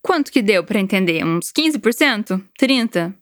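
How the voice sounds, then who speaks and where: A woman's voice: medium pitch, animated, normal speed, dry recording, studio quality. A woman from Brazil giving a chatty, encouraging English lesson and explaining the words. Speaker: English teacher. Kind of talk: language lesson.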